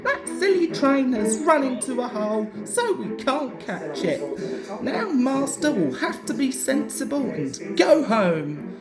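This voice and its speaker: A grumpy old lady motor car from a children's storybook, acted out by a woman. The voice swoops high and wails its complaints, cross and put-upon, over music. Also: very animated, measured pace. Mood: crossly gleeful.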